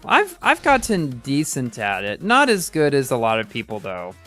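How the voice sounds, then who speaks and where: Male live streamer, bright animated voice, casual running commentary over faint music. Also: mid-range voice, normal speed. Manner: chatty, reacts aloud to the game, many restarts. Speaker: game streamer.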